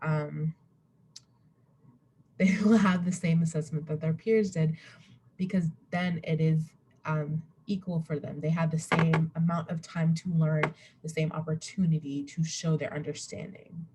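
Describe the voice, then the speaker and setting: Recorded by webcam at home with faint noise behind her, a young woman rambles through an informal student slide presentation, often cutting herself off. She speaks in a low-pitched, steady, unhurried voice.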